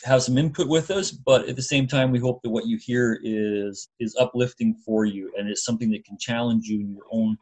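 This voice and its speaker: A man's voice: medium pitch, fairly even intonation, a little fast, few pauses, darkish tone. A middle-aged man co-hosting a podcast in a casual, slightly hesitant way, as if thinking aloud. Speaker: podcast co-host. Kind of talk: casual chat.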